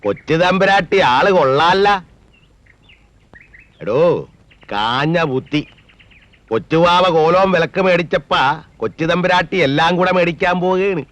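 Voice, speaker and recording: A man's voice: fairly high pitch, normal speed, long pauses, fairly bright tone, dry recording, lightly acted. A man playing a mocking, domineering landlord. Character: scheming wealthy landlord father, mocking and bossy. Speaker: wealthy landlord, a young man's father. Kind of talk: film dialogue.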